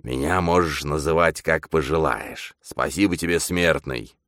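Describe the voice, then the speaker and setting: A man doing a slow, growling demon. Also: rumbling low, fairly bright tone, no room sound, studio quality. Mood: gloating. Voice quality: hoarse, growling. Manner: slow, grandiose, menacing.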